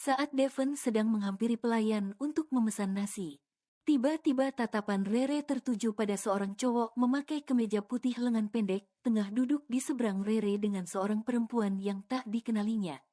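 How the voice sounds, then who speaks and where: Woman narrator for a romance audio novel, mellow and a bit high, even delivery with chatty asides. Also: moderate pace. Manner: even storytelling with casual colloquial asides.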